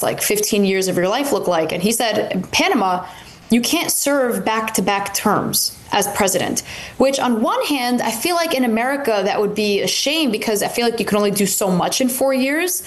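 A woman in her twenties co-hosting a casual political debate, speaking in a blunt, candid way. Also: mid-range voice. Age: 20s. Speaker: co-host.

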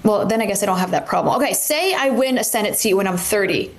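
A woman's voice: medium pitch, lively intonation, fast talker, a little hiss or hum. A woman in her twenties co-hosting a casual political debate, speaking in a blunt, candid way. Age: 20s. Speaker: co-host.

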